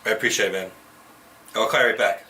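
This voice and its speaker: A man's voice: lowish voice, fairly even intonation, quick pace, bright, forceful tone, far from the mic, a little hiss or hum. A man hosting a casual trading livestream through a tinny camera microphone that makes him sound like he is in a tin can. He talks bluntly, swears freely and restarts his sentences. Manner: profane, blunt, restarts often. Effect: tinny tin-can sound from a camera mic.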